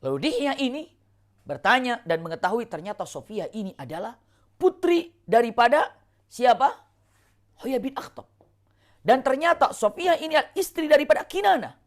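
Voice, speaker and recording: Animated woman telling a religious story. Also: fairly high pitch, moderate pace. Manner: animated, asks rhetorical questions and answers them. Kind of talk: Islamic storytelling lecture.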